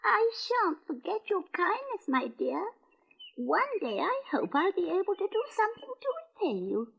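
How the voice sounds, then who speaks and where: A woman voicing a kindly old woman in a storybook recording, with a thin, breathy, gentle voice. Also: very high-pitched, very animated, normal speed, dull audio, exaggerated voice. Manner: gentle and grateful.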